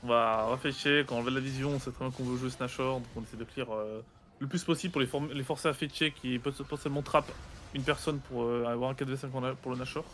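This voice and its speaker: A young man doing live esports commentary as a co-caster, chatty, with excited bursts. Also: mid-range voice, quick pace, faint music behind.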